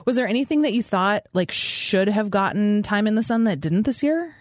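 American lady hosting a chat show, upbeat n casual, mid pitch, dry studio sound. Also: expressive, normal speed, no room sound. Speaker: radio show host.

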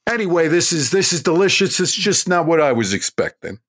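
Improv comedy role: polite, puzzled Queens diner played by a man, higher-pitched, animated, hedging as he goes. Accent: Queens, New York. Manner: halting, hedging. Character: polite, puzzled New Yorker newcomer diner.

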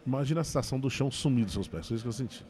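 A man who works as a stand-up comedian, telling a personal story in a relaxed interview. He talks fast and with feeling, stumbling and restarting his sentences as he goes. His voice sits at an ordinary middle pitch for a man. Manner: fast, emotional retelling with many restarts.

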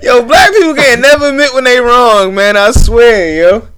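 A man co-hosting a casual chat, loud and excitable, cutting in on the others. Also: very high-pitched, moderate pace, clean tone. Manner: loud, excitable, cuts in often. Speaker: podcast co-host. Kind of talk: casual banter among friends.

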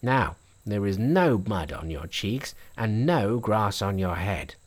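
Man playing a shaky ancient old farmer, slow and muttering, kinda nervous, storybook voice. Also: fairly low pitch, lively intonation. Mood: wary. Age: older. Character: timid ancient farmer, a hundred and thirty.

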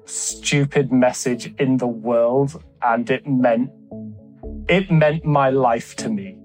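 Guy telling a personal story, halting n reflective, mid pitch, soft music behind. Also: poor audio. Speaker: author guest.

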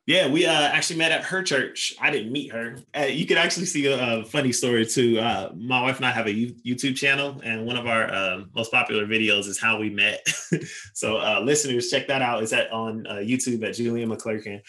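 Bright-voiced young man telling stories. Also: mid-range voice. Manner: lively anecdotes, quick asides and laughs. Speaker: guest, touring basketball player. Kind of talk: casual interview storytelling.

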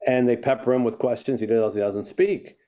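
Mellow older man telling a story. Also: medium pitch, steady tone, brisk, lo-fi sound. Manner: reflective storyteller, frequent restarts. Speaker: author guest. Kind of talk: conversational interview.

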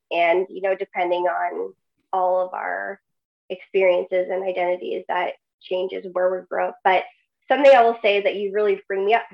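A woman guest expert in agricultural research speaks casually on a podcast in a mid-range voice, with the recording's highs cut off. She laughs through serious points and leans on plenty of fillers.

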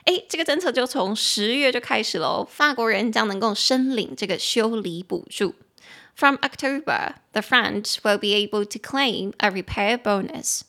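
A woman's voice: fairly high pitch, a bit bright. Woman teaching English in casual Mandarin. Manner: reads English sentences slowly and clearly, explains in Mandarin. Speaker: podcast host and English teacher.

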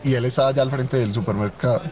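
A young man telling a funny anecdote in a rapid, rambling, amused way. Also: mid-range voice, steady tone, a little mellow. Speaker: storyteller. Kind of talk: casual anecdote.

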